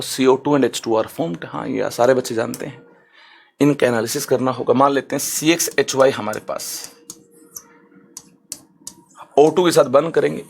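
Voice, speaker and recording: A male chemistry teacher with a gravelly edge to a mid-pitched voice, talking students through a lesson. He is animated and conversational, slows right down to spell out definitions, and keeps asking whether the class is following. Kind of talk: online lecture.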